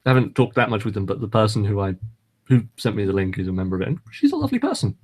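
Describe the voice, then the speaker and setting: A man's voice: on the low side, very animated, rapid-fire, darkish tone. A man hosting a casual podcast, rambling and hesitant with frequent ums and restarts. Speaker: podcast host. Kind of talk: casual chat.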